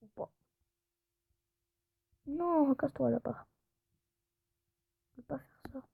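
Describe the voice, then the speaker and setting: A woman's voice: high voice, slow pace, vocal fry, dry recording. A woman YouTuber giving casual gameplay commentary, chatty and often dropping into whispered asides. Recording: tinny phone-like recording.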